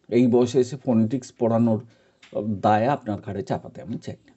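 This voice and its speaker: A man from India, giving an informal spoken lesson in a patient, encouraging way, with many pauses and fillers. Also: medium pitch, mellow, breathy edge. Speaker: teacher giving advice. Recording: dull lo-fi recording.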